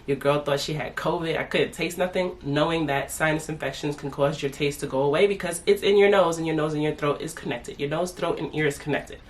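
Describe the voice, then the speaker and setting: A woman in her thirties, a family vlogger, chats casually to camera in a low-pitched, brisk voice with hardly any pauses. Congested from a sinus infection, she calls herself "your girl," and a little hiss or hum sits under the recording.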